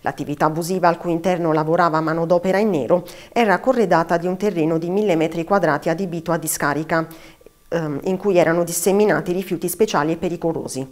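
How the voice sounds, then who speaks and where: A woman news anchor reading short bulletin items briskly, with the odd small slip. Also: fairly low pitch, steady tone.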